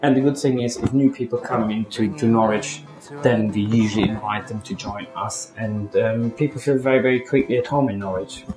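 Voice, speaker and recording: A man's voice: on the low side, fairly quick, reverberant, over music, low-quality recording. A man organizing a local travellers' group, talking in a chatty documentary interview and often searching for his words.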